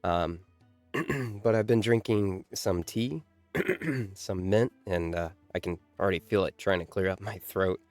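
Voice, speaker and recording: A sleepy man with a low, resonant voice rambles in an easygoing, hesitant way to his gaming audience. The sound is dry and close, with soft music playing faintly behind him. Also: a little slow, dry recording. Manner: rambling, laid-back, hesitant. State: tired, just woke up. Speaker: VTuber gaming commentator. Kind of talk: casual chat to viewers. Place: at home.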